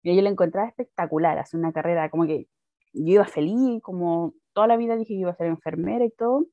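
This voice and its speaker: A woman's voice: fairly low pitch, fast, no room sound, phone-quality sound. A young woman in her twenties with a Chilean accent, telling her story in casual chat and laughing often. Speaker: guest.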